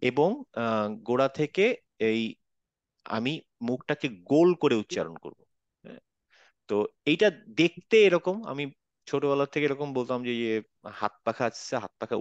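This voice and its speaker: In an online class, a man patiently teaches how to pronounce Quran letters, saying each sound over and over to demonstrate it. His voice is medium in pitch with lively intonation, at a moderate pace with frequent pauses, recorded with no room sound and the highs cut off.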